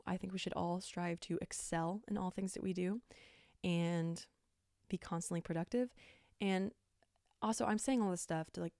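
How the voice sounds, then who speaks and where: Chatty woman host rattling off a bible study, fast and earnest, bit of vocal fry, dry close sound. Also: fairly low pitch, a little mellow, no echo. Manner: fast-talking, chatty, lots of "like". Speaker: podcast host. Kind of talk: casual Bible study talk.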